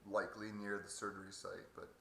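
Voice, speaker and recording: A man giving a halting, hesitant casual video update with a sore throat two days after surgery. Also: low voice, little pitch movement, creaky, fairly bright tone. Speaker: patient vlogger. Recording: echoey room, faint background noise.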